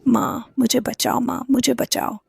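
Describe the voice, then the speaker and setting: A woman's voice: fairly high pitch, fairly even intonation, unhurried, creaky, darkish tone, husky, no room sound, studio quality, exaggerated voice. A woman voicing a traumatized young woman in a dubbed drama, speaking in a fearful, pleading way. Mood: terrified.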